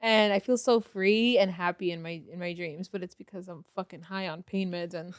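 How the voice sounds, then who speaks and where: A woman co-hosting a podcast in casual chat, animated and quick to laugh, swearing freely. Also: on the low side, no echo, clean studio sound. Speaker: podcast co-host.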